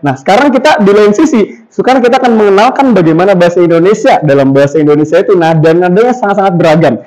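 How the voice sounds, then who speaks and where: A young man with a high, light voice teaches a room of students about public speaking. He talks in a lively way, keeps quizzing the class, and shows how to recite in a flat, even tone. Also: fast talker, rough recording. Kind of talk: classroom lesson.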